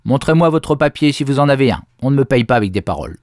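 A man's voice: mid-range voice, lively intonation, quick pace, a little mellow, dry recording, pitched above the performer's own voice, close to an everyday voice. Man putting on a brusque sergeant, officious and clipped, dry sound. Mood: curt. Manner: curt, officious. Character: brusque stern male gendarme sergeant.

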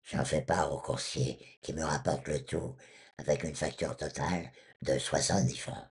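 A man with a honking, duck-like, husky voice from vocal cord surgery, telling anecdotes as an interview guest. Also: very deep voice, steady tone, moderate pace. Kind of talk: storytelling in an interview.

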